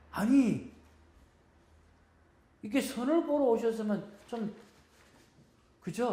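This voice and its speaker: A woman's voice: medium pitch, darkish tone, roomy sound. A woman teaching at a church seminar, telling stories and earnestly urging her audience. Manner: earnest, storytelling, exhorting the audience. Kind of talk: teaching sermon.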